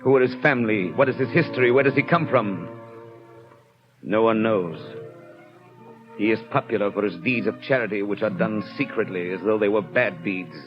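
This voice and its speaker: Man acting a low-voiced, suspicious police inspector. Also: normal speed, close to an everyday voice. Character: suspicious, watchful police inspector writing his notebook. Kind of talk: 1930s radio drama acting, dated notebook entries. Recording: dull 1930s radio recording. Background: clear music.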